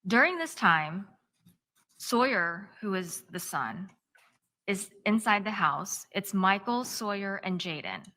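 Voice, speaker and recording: Woman, defense attorney, courtroom opening statement, bright sharp voice, measured step-by-step telling. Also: medium pitch, expressive. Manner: tells events step by step in present tense, measured.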